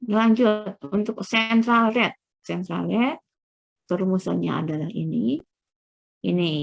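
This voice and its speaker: A middle-aged woman lecturing through slides, explaining step by step with frequent checking pauses and searching fillers. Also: on the low side, vocal fry, dull audio.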